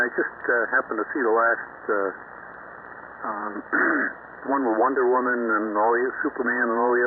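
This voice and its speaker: A man running an amateur radio net as net control, chatting easily with plenty of fillers, heard through a ham radio transmission with static. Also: mid-range voice. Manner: easygoing, rambling, many fillers. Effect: heard over a ham radio transmission with static. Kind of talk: casual on-air radio chat. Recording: tinny ham radio audio with faint static.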